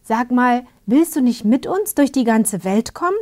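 A bossy storybook soldier, whispered by a woman reading aloud. The lines come slow and hushed in a whispered role-play, pitched a little above the reader's own voice. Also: expressive. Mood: curious. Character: gruff angry male soldier leading a band.

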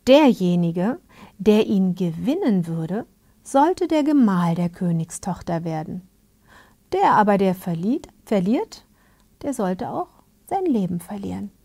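A woman telling a fairy tale in a hushed, soothing whisper, as a whispered fairy-tale reading. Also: medium pitch, sing-song, a little slow, creaky. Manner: hushed and soothing, invites listeners to get comfortable. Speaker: storyteller.

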